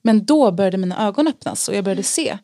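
A woman's voice: medium pitch, expressive, dark tone, no room sound. Earnest Swedish-speaking woman, dry sound. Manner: earnest, reflective, many pauses and fillers. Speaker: interview guest sharing testimony. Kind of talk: personal testimony in conversation.

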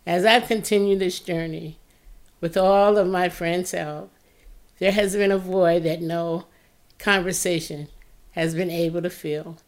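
Woman, tired voice, slow reflective narration, low pitch, earnest first-person read. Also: steady tone. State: tired-sounding voice. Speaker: podcast host.

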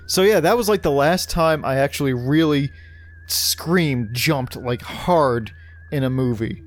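A man's voice: medium pitch, a little slow. A man hosting a casual podcast, rambling through filler words and joking at his own expense. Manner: rambling, filler-heavy, self-mocking. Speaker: podcast host.

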